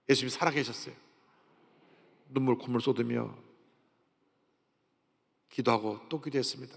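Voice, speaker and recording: Gravelly older man preaching in a church hall. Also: mid-range voice. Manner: storytelling with sudden swings in loudness. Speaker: senior pastor. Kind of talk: sermon with personal testimony. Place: large church sanctuary. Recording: long reverb of a large church hall.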